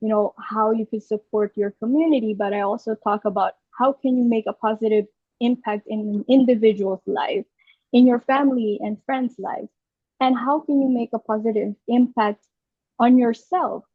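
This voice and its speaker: A woman with a fairly high voice talks in an earnest, explanatory interview style. She stresses her key points by repeating them, and the sound is roomy and slightly dull. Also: fairly even intonation, moderate pace. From Aruba. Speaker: podcast guest, travel content creator. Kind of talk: conversational interview.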